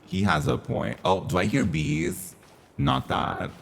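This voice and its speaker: Streamer talking through a voice changer. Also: male voice, mid-range voice, very animated, slow, vocal fry, slight background noise. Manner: chatty, campy, playful. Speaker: game streamer. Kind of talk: casual live-stream commentary.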